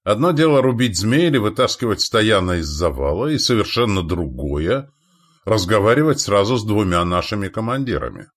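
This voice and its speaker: A man narrates a first-person audiobook in a measured, wry voice. His pitch sits on the low side. The reading is steady and even.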